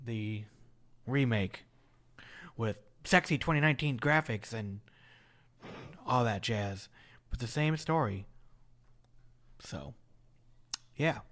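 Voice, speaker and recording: A man's voice: medium pitch, slow, long pauses, a bit bright. A man hosting a casual podcast chat, rambling and trailing off with fillers as he talks about shows and releases. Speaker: podcast host.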